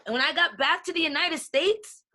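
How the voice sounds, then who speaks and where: Bright, high-voiced passionate woman. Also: moderate pace. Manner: emphatic, keeps asking "right?". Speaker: podcast guest. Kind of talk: passionate conversation.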